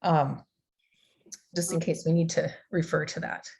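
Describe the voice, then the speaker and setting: A woman's voice: low voice, steady tone, measured pace, creaky, darkish tone. A woman teaching an online digital art workshop over a video call, chatty and loose, with many fillers and restarts.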